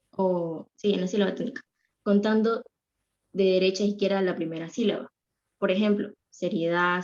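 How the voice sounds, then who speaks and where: A woman's voice: medium pitch, darkish tone. A woman student giving a class presentation, reading from slides with fillers and restarts. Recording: muffled lo-fi audio.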